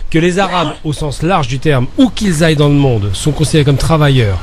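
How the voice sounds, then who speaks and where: A man's voice: on the high side, fairly quick, a crowd in the background. A man speaking as a guest on a radio debate, arguing his points in an explanatory way. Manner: argumentative, explanatory.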